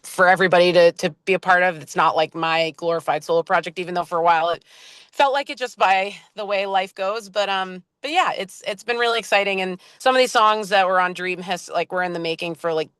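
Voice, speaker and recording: A woman musician from the Boston area in the US, a band member who has just woken up from a nap, chats casually as an interview guest, rambling with many fillers and restarts. Her voice is lowish, brisk, smooth and fairly bright, in a dry recording.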